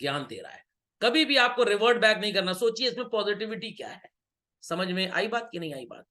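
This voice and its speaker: Teaching business studies in an online class, a middle-aged man uses a high, bright, sharp voice with lively intonation, fairly fast. He mixes Hindi and English, playfully rebuking the students and asking whether they're keeping up.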